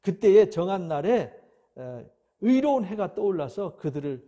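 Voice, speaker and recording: A man's voice: high voice, normal speed. A male pastor giving an expository Bible sermon, acting out the voices of doubters and often checking in with his listeners. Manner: animated, acts out skeptics' taunts, frequent "eo?" check-ins.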